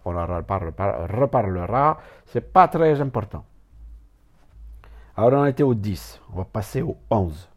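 A man's voice: lowish voice, a little mellow. A man giving a comic mock lecture, rambling, repeating words and stumbling playfully over them.

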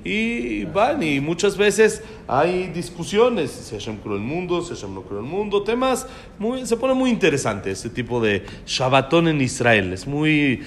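A man telling a story to a class, animated and acting out the dialogue. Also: on the high side, a little slow, few pauses, slight background noise.

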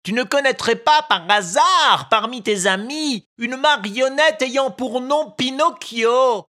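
A woman voicing a big, kindly, talkative pigeon in a storybook reading, with high, chatty calls. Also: takes it slowly, a bit bright. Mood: friendly.

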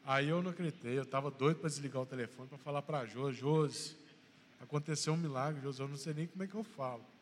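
A Brazilian man with a Brazilian Portuguese accent shares his testimony at church, speaking quickly in a mid-range voice. The sound is big and roomy with slight background noise. He narrates his story, performs a phone dialogue, then rouses the congregation in a preacherly way.

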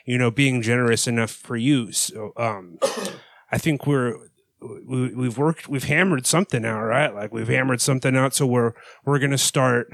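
A man's voice: mid-range voice, normal speed, vocal fry, fairly bright tone, no room sound. A man in his thirties chatting casually as a comedy podcast co-host, slangy and joking. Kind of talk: casual chat.

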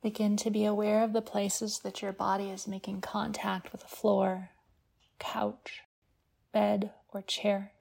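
Woman, guided meditation, sleep story narration, soft breathy near-whisper, mellow tone, creaky edges, gentle and unhurried. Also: mid-range voice, flat delivery. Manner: hushed, gentle, unhurried delivery with long pauses.

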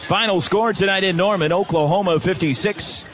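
A man calling American football play by play in clipped, punchy phrases, excitable and given to shouting. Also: high voice, moderate pace. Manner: excitable, swinging from terse calls to shouts. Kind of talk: live sports commentary. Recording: loud noise behind the voice.

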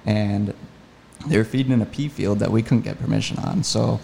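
Gravelly, dark-toned man, keen podcast storyteller. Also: fairly low pitch, moderate pace, a little hiss or hum. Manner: enthusiastic, animated retelling. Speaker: podcast guest, hunting guide. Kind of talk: casual storytelling.

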